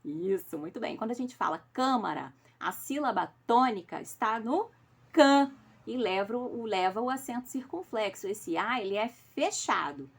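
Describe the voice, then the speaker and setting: A woman with a Brazilian Portuguese accent teaching a recorded class, her voice sitting somewhat high. She walks her pupils through the answers step by step, keeps checking in with short tag questions, and sounds affectionate toward them. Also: expressive, moderate pace, vocal fry, husky. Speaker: schoolteacher. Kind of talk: recorded class correcting homework.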